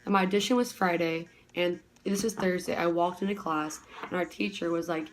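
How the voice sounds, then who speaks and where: Fast-talking chatty young woman vlogger. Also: on the low side, a little hiss or hum. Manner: talks very fast, rambling with many "like" fillers. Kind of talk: casual chat.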